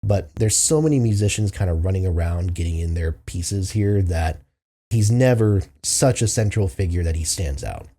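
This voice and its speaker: A man's voice: low-pitched, moderate pace, warm tone, slightly rough. A man hosting a music review show, talking loosely through albums with many fillers and asides. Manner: loose, filler-heavy, thinking aloud. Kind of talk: casual album review monologue.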